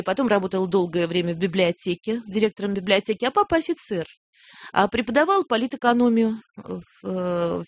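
A woman's voice: mid-range voice, no room sound. Older woman explaining with many hesitations. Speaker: guest. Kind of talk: radio interview conversation. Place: radio studio.

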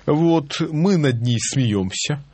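A man speaking as a historian guest on a radio interview, halting and full of fillers. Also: on the high side, animated, a little mellow, breathy edge, no room sound.

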